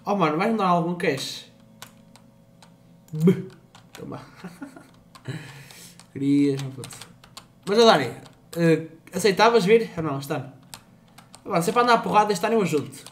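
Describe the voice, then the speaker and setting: Young Portuguese streamer, swearing and teasing. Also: male voice, sits high, animated, moderate pace, pauses often. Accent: European Portuguese. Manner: swears a lot, teasing and loose, often laughing. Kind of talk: casual gaming stream chat.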